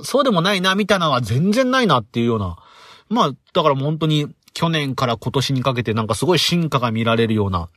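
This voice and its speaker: A man talks alone into the mic for his podcast, his voice slightly high for a man and very lively in pitch. He rambles casually with plenty of fillers. The sound is dry and close. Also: dry recording. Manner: animated, rambling with many fillers. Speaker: podcast host. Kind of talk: casual solo podcast commentary.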